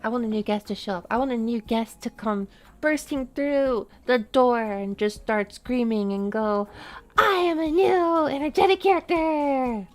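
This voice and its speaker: A woman's voice: fairly high pitch, fairly even intonation, normal speed, a little mellow, soft background music. A woman streaming a game, talking casually and rambling with lots of fillers. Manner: chatty, rambling, many "like" fillers. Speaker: VTuber streamer. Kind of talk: casual chat while playing a game.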